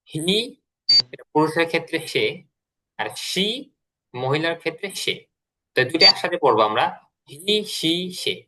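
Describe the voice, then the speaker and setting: Guy teaching an online english class, bright voice, repeats words over and over for drills. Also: medium pitch.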